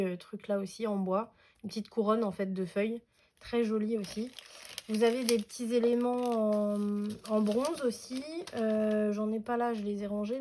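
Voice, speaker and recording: A woman's voice: mid-range voice, a little mellow, slight background noise. A woman hosting a casual scrapbooking tutorial at home, chatty and hesitant, with many fillers.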